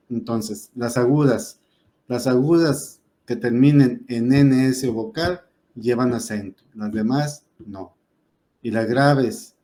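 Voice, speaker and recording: Guy teaching grammar, mellow low-key voice, lots of "este" fillers, keeps correcting himself. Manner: explanatory, many "este" fillers, self-corrects. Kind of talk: spoken lesson on Spanish accent rules.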